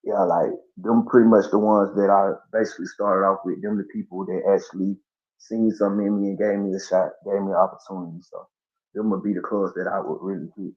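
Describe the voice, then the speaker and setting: A guest artist from Columbus, Georgia, tells stories in a casual podcast interview, speaking low and easy in a laid-back way full of slang and fillers. His voice is a little mellow and fairly quick, with little pitch movement, and the audio is dull and lo-fi.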